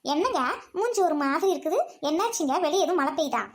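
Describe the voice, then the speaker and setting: A woman with a Trichy Tamil accent playing a fed-up wife of a drunkard in a comic sketch, wailing and scolding loudly. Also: extremely high pitch, lively intonation, fast, heavy background noise. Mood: pleading. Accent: Tamil Nadu (Trichy). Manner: loud scolding, wailing complaints. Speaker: comedy sketch performer.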